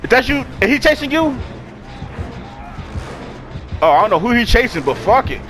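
Young male gamer, high lively voice, loud and profane, quick to apologize. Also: faint music behind, low-quality recording. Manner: yells often and swears a lot; apologetic and laughing in between. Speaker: gamer playing with a friend. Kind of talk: excited gaming commentary.

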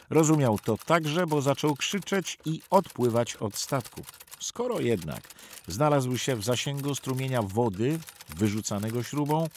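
Guy telling a true story, voice swings up and down a lot, tense and vivid, faint hiss behind. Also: medium pitch. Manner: tense, vivid storytelling that acts out the shouted orders. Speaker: narrator. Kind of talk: dramatic documentary narration.

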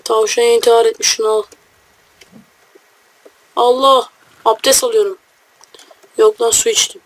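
A young man giving casual, joking let's-play commentary, brash and quick to swear at enemies while talking to his viewers. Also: extremely high pitch, little pitch movement, fairly bright tone. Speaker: gamer.

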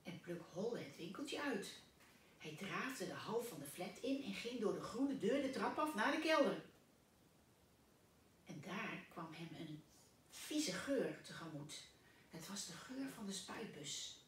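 Slow expressive woman reading a children's story. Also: mid-range voice, slight background noise. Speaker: teacher reading aloud. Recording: echoey room, distant mic.

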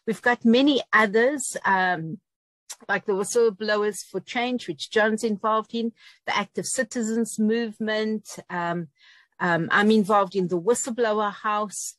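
A woman's voice: medium pitch, unhurried, no room sound, rough recording. A woman from South Africa, a whistle-blower on a panel, speaking earnestly on a video call with frequent ums.

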